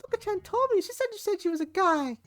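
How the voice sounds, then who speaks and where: A very high, squeaky teenage girl, sweet and airheaded, drawing out her words in a childlike sing-song. The voice sits far above the reader's own low tone and comes out loud and bright. Faint music plays under it. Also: lively intonation, fast talker. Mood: scolding.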